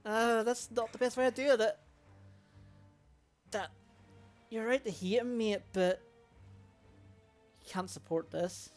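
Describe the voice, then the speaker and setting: A woman's voice: on the high side, fairly even intonation, slow pace, pauses often, darkish tone, faint music behind, pitched above the performer's own voice. Woman voicing a blunt young male mercenary. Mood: pleading.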